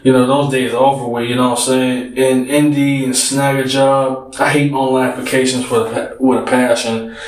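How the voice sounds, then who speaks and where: A man's voice: medium pitch, flat delivery, moderate pace. Man vlogger, winded, rambling casual talk, roomy distant recording with faint background noise. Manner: rambling, frequent "you know what I'm saying". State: out of breath.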